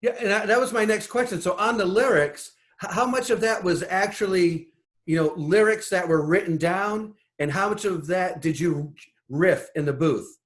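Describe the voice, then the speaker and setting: A man's voice: high voice, moderate pace. A man interviewing a musician for a magazine, asking questions in a friendly, chatty way.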